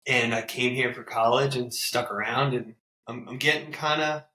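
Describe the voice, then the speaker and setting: A man's voice: medium pitch, moderate pace, pushed and bright, echoey room, poor audio. A man in his thirties from North Jersey, an easygoing podcast guest who laughs often and stammers a little. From North Jersey, USA. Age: 30s. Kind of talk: casual interview chat.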